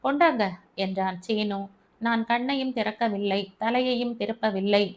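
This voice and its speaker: A woman narrating a first-person short story in a measured, steady reading. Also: mid-range voice.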